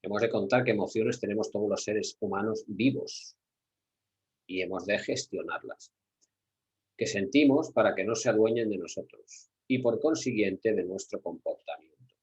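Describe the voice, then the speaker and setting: A man's voice: fairly low pitch, moderate pace, a little mellow, husky, poor audio. A middle-aged man from Spain with a Spanish accent, lecturing at a workshop for security staff, repeating key words and asking rhetorical questions. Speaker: security trainer.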